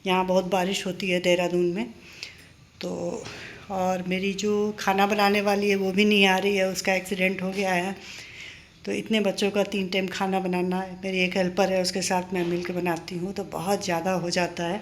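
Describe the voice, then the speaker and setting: A woman's voice: fairly low pitch, flat delivery, normal speed, slight background noise. An older woman chatting in a casual home vlog, reminiscing and encouraging her viewers. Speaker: vlogger. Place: home in a paying-guest house.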